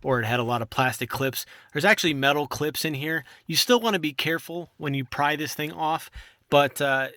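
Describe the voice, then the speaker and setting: A man's voice: on the high side, brisk, dry recording, clean studio sound. A young man hosting a casual how-to video, explaining step by step from inside a car while working with his hands. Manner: relaxed, chatty, talks while working with hands.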